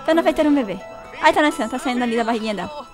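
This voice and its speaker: Chatty high-voiced woman gamer. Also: very fast, soft background music. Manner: chatty, excitable, addresses viewers as gente. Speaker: gaming channel host. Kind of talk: casual let's play commentary.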